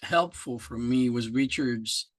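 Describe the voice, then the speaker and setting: An older man from Guatemala, a guest in a casual video interview, speaking in a measured, reflective way. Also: medium pitch, no room sound.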